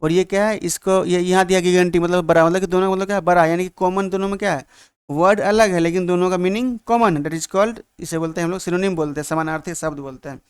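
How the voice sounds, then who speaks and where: Male teacher, high clear voice, dry close mic; exam-prep vocab lecture, asks and answers his own questions, reads definitions slowly. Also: fairly even intonation, no echo. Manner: asks the class questions and answers them himself, repeating terms.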